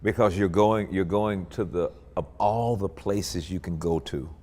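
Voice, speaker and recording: A man hosting a talk show as a pastor, speaking slowly and earnestly in a gentle interview. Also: low-pitched, in a large hall.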